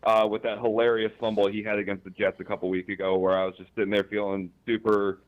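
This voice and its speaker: Fast-talking low-voiced man from Maryland. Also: flat delivery, lo-fi sound. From Maryland, USA. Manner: rambling, quick, self-correcting. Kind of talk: casual sports radio chat.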